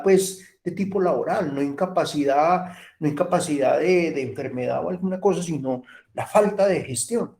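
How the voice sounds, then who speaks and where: A man's voice: on the high side, dark tone. A middle-aged Colombian man teaching an online university class, telling stories and acting out bits of dialogue. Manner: storytelling, acts out dialogue, repeats himself. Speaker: university lecturer.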